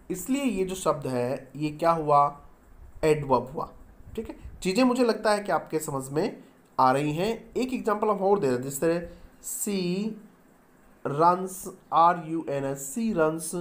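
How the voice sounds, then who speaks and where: A man teaching a grammar lesson, who keeps asking the class questions and answering them himself and slowly spells out example sentences. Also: high voice, darkish tone.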